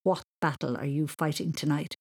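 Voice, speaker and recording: A woman voicing a kindly father who speaks softly and calmly. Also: deep voice, moderate pace, breathy edge. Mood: gentle. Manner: soft and gentle. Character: kindly father, gentle and calm.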